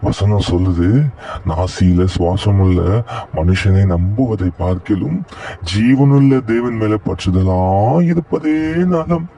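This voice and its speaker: A calm, wise puppet friend, voiced by a man, with a gravelly, husky texture to his speech. He reassures and gently lectures, and his tone is dark and relaxed. He comes across as a patient advisor in a children's puppet show. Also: low voice, slow pace, heavily acted. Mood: gentle. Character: calm wise boy puppet who gives advice.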